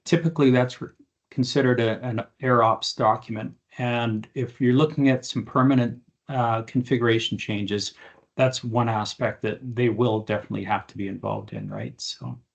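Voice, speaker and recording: On an aviation podcast, a man speaking as an expert explains things conversationally and haltingly, using informal examples. His mid-range voice is steady with vocal fry, and the audio sounds dull.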